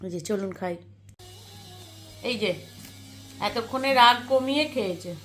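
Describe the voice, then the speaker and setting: A woman's voice: mid-range voice, slow pace, faint music behind. A young woman with a West Bengal Bengali accent, chatting casually in a home vlog and showing items to the camera. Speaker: vlogger. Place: home, indoors. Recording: echoey room.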